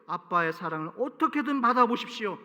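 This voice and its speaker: A man's voice: high voice, lively intonation, fairly quick, sharp tone, full character voice. A man acting out an eager young son earnestly urging his mother to take a gift. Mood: coaxing. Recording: reverberant church hall.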